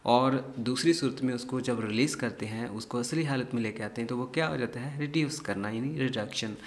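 A man teaching a phonics lesson, repeating each word with exaggerated stress to model how it should sound. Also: mid-range voice. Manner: deliberate, repeats words to model pronunciation. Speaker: English teacher.

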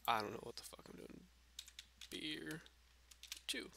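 A man's voice: fairly high pitch, big pitch swings, unhurried, vocal fry, pushed and bright, a little hiss or hum. A drunk young man rambling casually and swearing through a gaming vlog, recorded on a substitute microphone. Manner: profane, aimless rambling. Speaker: gaming vlogger. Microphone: makeshift substitute microphone, screen-capture voice-over.

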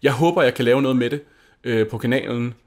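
A man's voice: medium pitch, a little mellow. A young man from Denmark hosting a gaming channel, chatting casually over gameplay in a rambling, gushing way full of fillers and restarts.

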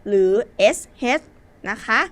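A woman's voice: takes it slowly, fairly bright tone. A woman with a Thai accent teaching a basic English lesson, spelling words out letter by letter in a patient way.

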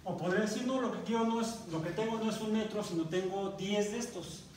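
A man with a Mexican Spanish accent lectures to a class, his voice a bit high for a man. He is picked up from far off by a camera, so the room's heavy echo and a steady background noise come through. He often asks the class questions and breaks off words mid-way. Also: fairly quick. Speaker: university math teacher. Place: university classroom. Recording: very echoey classroom recorded from far off, noisy.

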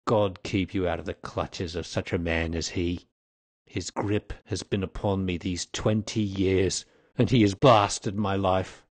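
A man's voice: low-pitched, steady tone, a little slow, dry recording. A man voicing a weary, grave old man confessing his past in an audiobook story. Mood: bitter. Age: older. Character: weary, dying old man, confessed former highway robber.

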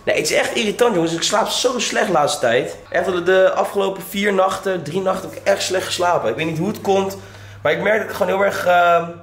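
A man's voice: sits high, a little fast. Chatty young man vlogging in an echoey room. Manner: rambling, chatty, addresses viewers as "jongens". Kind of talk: casual vlog chat. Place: indoors at home.

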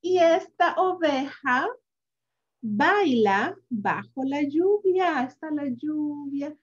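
A woman reading a picture book aloud to young children in a slow, sing-song, animated way, adding sound effects and asking the child questions. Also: high-pitched, dull audio. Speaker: children's story reader.

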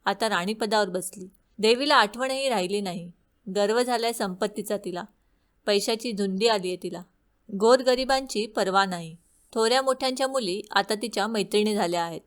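Storybook: bitter old beggar woman, scolding, slightly loud, read by a woman narrator. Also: medium pitch, normal speed, lightly acted. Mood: indignant. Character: angry poor old beggar woman, a goddess in disguise.

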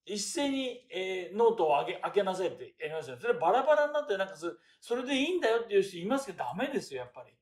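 An older man giving a chatty lecture on classical texts, asking rhetorical questions and pausing with fillers. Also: high voice, big pitch swings. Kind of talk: casual lecture. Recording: roomy echo.

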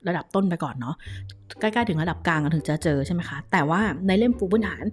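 A young woman with a Thai accent teaching a casual Korean lesson, lively and coaxing, drilling each word syllable by syllable. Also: lowish voice, quick pace, soft background music.

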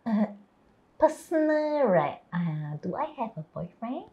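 Actress as blunt Singaporean woman, chatty, thick Singlish, lively intonation, fairly high voice, comedy series. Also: measured pace, muffled recording. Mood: curious. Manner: colloquial Singlish with lah, lor and leh. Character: chatty, blunt Singaporean Indian woman raised in a Chinese household. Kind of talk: scripted comedy series dialogue.

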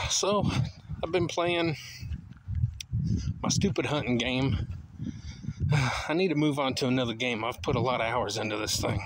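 Heavy background noise surrounds this casual walking vlog, where a middle-aged man strolls a suburban street with his phone at arm's length. He rambles along easily with lots of fillers at a measured pace, leaving long pauses, in a medium-pitched voice.

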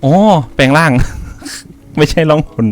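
A man's voice: fairly high pitch, level tone, a little slow. Chatty man narrating a horror game. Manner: chatty, talks to viewers, laughs and swears. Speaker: gaming channel host. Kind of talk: let's-play commentary.

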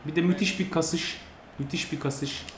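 A man giving frustrated, grumbling commentary over a football video game, now and then yelling at his players. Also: fairly high pitch, steady tone, normal speed. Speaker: gaming channel host. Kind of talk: live commentary over gameplay. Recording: roomy sound with faint noise.

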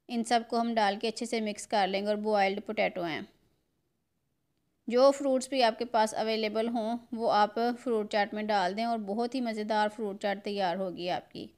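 In her home kitchen, a middle-aged woman who hosts a cooking channel guides viewers through a recipe one step at a time in a homely way. She speaks with a fairly high pitch and a darkish, clear, resonant tone.

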